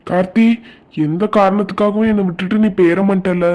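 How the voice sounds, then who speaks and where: A woman voicing a gentle young man in a cartoon, speaking softly and pleadingly. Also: medium pitch, steady tone, brisk, muffled recording, natural voice.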